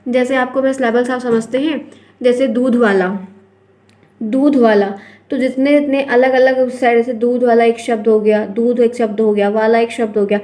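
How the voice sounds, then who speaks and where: Indian lady teacher going through exam questions, talks to viewers as friends, fairly high voice. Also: level tone, a little fast, warm tone. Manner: explains step by step, addresses viewers as friends. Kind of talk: exam-prep lesson.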